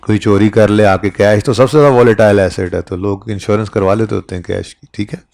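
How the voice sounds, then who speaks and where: Slightly low-voiced man teaching accounting. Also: steady tone, fast talker, vocal fry, a little mellow. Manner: conversational, keeps checking in with "ठीक है?". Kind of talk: classroom lecture.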